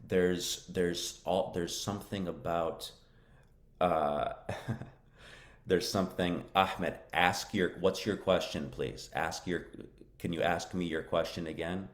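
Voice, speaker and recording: A man's voice: deep voice, steady tone, takes it slowly. A man teaching a lesson on a live stream. He talks casually, answers viewer questions, drops in Arabic words, and often checks with "okay?".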